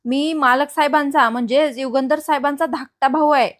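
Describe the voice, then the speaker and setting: A woman's voice: high-pitched, steady tone, normal speed, lightly acted. A woman voicing a scheming young man in a retold serial, pushy and insistent. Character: scheming young man, a factory owner's brother.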